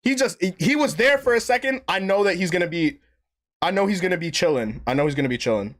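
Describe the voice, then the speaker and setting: His voice is high, expressive, and a bit bright, and he talks fast. He's a twenty-eight-year-old New Yorker, a little buzzed, chatting casually on a gaming stream with rambling slang, plenty of swearing, and constant "bro."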